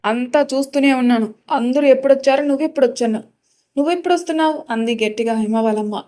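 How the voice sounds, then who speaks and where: A woman's voice: high-pitched, quick pace, lightly acted. A woman voicing an angry, strict middle-aged village mother who scolds her daughter. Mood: scolding. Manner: scolding, shouting.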